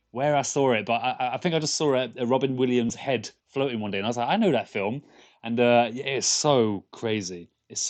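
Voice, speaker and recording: An English man from London in his thirties, a game developer chatting casually with viewers on a live stream, rambling with stammered restarts and frequent laughs. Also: mid-range voice. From London, England.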